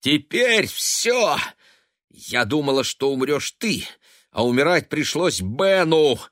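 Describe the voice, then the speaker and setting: A man's voice: fairly high pitch, sing-song, slow, fairly bright tone, no room sound, clean studio sound, voice pushed up, heavily acted. A man voicing a grief-stricken young woman who screams accusations in fury, in an audiobook reading. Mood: furious.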